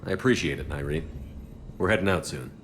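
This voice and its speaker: A man playing a steady, terse military commander in a video game, businesslike in delivery. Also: a bass voice, brisk, a little hiss or hum. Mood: calm, probing. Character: steady, no-nonsense male human military commander.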